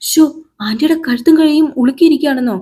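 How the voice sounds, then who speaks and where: A woman voicing an excitable young woman who asks quick, high-pitched questions. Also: natural voice. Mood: surprised.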